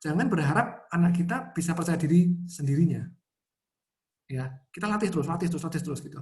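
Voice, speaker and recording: A man, a child psychologist, answers parents' questions in a relaxed webinar talk, explaining through everyday examples over a video call. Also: fairly high pitch, fast talker. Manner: easygoing, explains with everyday examples, often ends phrases with "gitu".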